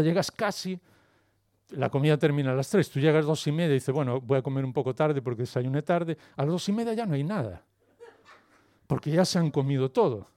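Galician man, comic storyteller, higher voice, dry close sound. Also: no room sound. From Galicia, Spain. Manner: animated, storytelling, acts out dialogue. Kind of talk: comic monologue.

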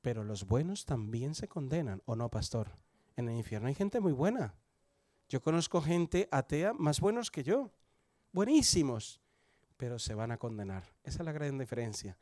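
In his forties and from Colombia, a church member gives his testimony in a chatty, sing-song manner at normal speed, often asking his listeners questions and varying his volume for emphasis. His ordinary male pitch is recorded dry, with no room sound or echo.

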